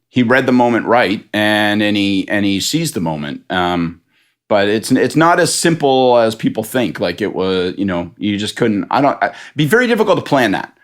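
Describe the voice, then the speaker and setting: A man on a political podcast panel, talking things through with frequent restarts. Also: on the low side. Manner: halting, many restarts, thinks aloud. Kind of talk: casual panel chat.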